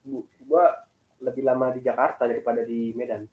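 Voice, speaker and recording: A young man chatting casually with classmates, rambling and animated as he tells about his family. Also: mid-range voice, a little fast. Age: young adult. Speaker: student in group discussion. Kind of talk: casual chat. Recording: echoey, phone-like call audio.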